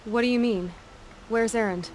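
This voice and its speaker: A woman's voice: on the high side, normal speed, darkish tone, a little hiss or hum, close to an everyday voice. Aloy, direct young huntress played by a woman. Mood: guarded. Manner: blunt, questioning. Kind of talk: video game cutscene acting.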